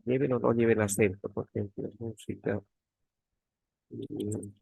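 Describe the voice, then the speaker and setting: Male teaching assistant, gravelly voice, repeats terms and checks in with the class. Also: fairly low pitch, level tone, unhurried, a little mellow, no echo. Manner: repeats key words, frequent tag questions. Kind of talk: online grammar tutorial. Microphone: computer mic on a video call.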